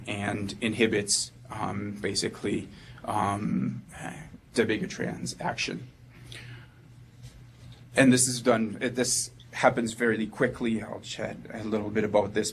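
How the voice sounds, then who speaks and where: Creaky-voiced French-accented man lecturing. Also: fairly low pitch, a little hiss or hum. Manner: hesitant, many ums and uhs. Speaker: physician presenter. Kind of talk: medical lecture.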